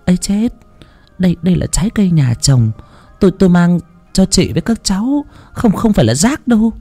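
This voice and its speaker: A storyteller voicing a humble older countrywoman who pleads softly and stammers. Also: mid-range voice, sing-song, brisk, faint music behind, voice pushed up. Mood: meek.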